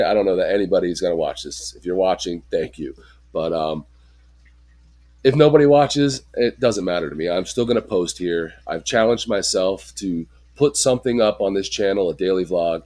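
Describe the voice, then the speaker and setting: Low-voiced congested man in his forties. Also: a little mellow. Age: 40s. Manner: earnest and candid. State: congested from a chest cold. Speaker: vlogger. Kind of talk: personal confessional vlog.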